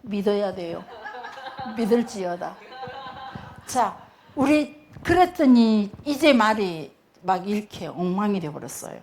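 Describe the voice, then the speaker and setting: A woman's voice: medium pitch, sing-song, a little slow, darkish tone. An older woman with a South Jeolla accent, a pastor's wife telling stories in a church testimony talk and acting out voices. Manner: chatty, storytelling, acts out voices.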